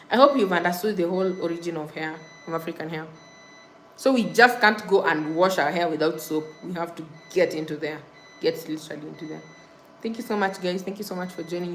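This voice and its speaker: A young Kenyan woman hosts a casual livestream, reading viewer comments and repeatedly thanking people and reminding them to subscribe. Her voice is lowish with a fairly bright tone, and the rough recording carries a little hiss or hum.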